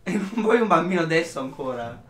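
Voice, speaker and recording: A young man in a casual chat with his partner, agitated and rambling, his pitch jumping up when flustered. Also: big pitch swings, fairly quick. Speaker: boyfriend pranked by partner. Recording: echoey room, faint noise.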